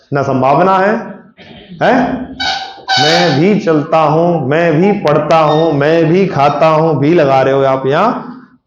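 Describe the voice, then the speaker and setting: A man teaching Hindi grammar to a class, explaining patiently and checking often with questions. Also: a little high. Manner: explains patiently, asks students frequent questions. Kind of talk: classroom lecture. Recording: echoey classroom, dull lo-fi sound.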